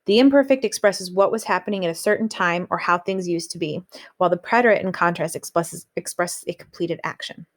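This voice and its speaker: A woman's voice: lowish voice, a little fast. A woman teaching a recorded lesson on Spanish grammar, explaining rules steadily and reading example sentences aloud.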